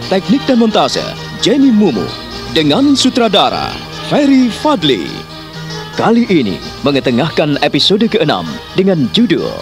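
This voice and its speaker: A man narrating a radio drama in a declamatory style. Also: high voice. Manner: lively, declamatory. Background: loud music score.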